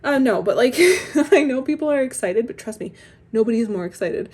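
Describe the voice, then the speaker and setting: This young vlogger, heavily pregnant, rambles casually to the camera, peppering her talk with "like" and small laughs between phrases. She has a fairly high, expressive voice with a darkish, breathy tone and speaks a little fast.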